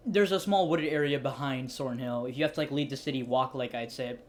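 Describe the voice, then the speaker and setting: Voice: mid-range voice, a little fast, slight background noise. Rambling, casual tabletop game master. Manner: loose, rambling, full of fillers.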